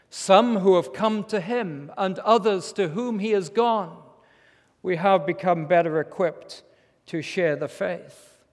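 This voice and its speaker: Slow, high-voiced British preacher with a lisp. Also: male voice. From Britain. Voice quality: lisp, slushy s. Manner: measured, solemn, rhetorical pauses. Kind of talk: formal expository sermon. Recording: reverberant large hall.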